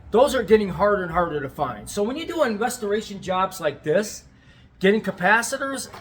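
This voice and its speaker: American man, high-pitched voice, middle-aged, casual vlog talk, enthusiastic, rambling, repetitive. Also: slight background noise. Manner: enthusiastic, repeats himself. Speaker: video tape restorer and channel host.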